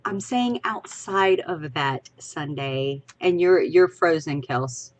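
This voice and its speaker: A slight hiss or hum sits under a low-pitched woman's voice speaking slowly. She's co-hosting a casual livestream podcast, a Louisiana native with a Southern accent, tipsy from drinking and rambling chattily with giggly asides.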